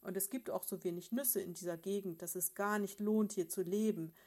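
A woman reading aloud, voicing a grumpy, indignant male bear father in a children's story, complaining loudly. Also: mid-range voice, steady tone, a little fast, lightly acted.

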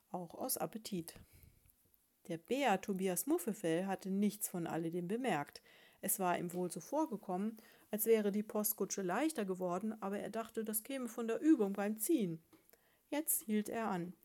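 A woman's voice: mid-range voice, warm tone. A woman hosting a children's bedtime story podcast, reading aloud in a cozy storytelling manner.

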